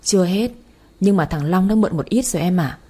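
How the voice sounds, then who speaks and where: A woman voicing a smooth-talking, lazy young husband who flatters his wife, speaking in a coaxing way. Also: lowish voice, brisk. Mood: wheedling. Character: middle-aged man, smooth-talking lazy son-in-law.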